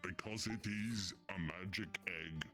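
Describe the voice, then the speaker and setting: A man chatting casually while playing in a virtual reality roleplay, wry and quick to swear. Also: deep voice, gravelly, sharp tone, soft background music. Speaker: roleplay player. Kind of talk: casual chat during a VR roleplay stream.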